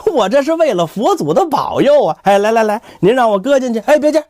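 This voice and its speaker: A male storyteller plays a middle-aged father in a spoken tale. He is devout and gullible, earnestly insisting in a lively, swinging pitch with a dry, close sound. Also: a little fast, no room sound. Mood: eager, insistent.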